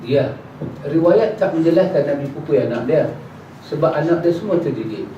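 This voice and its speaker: A man giving a religious lesson in a prayer hall and answering questions, acting out little dialogues in a casual, lively way. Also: on the high side, normal speed. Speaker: religious teacher. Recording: echoey hall, distant mic, dull, noisy.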